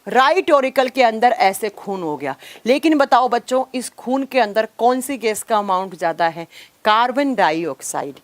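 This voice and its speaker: A woman's voice: on the high side, lively intonation, moderate pace, dry recording. A young woman teacher, lecturing a live online class on biology, repeating key terms and sharply scolding impatient students.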